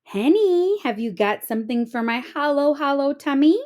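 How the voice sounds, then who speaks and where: A small, hungry storybook tomten, acted out by a woman reading aloud, demanding and full of exclamation. The voice is high and pushed, leaping up and down in pitch. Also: expressive, normal speed, darkish tone. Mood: hungry, wheedling. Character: hungry, demanding little tomten who shouts and yowls.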